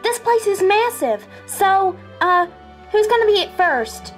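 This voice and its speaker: A woman voicing an excitable young pony in a toy cartoon, playful, naive and eager, with squeaky exclamations. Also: unhurried, faint music behind, full character voice. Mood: amazed.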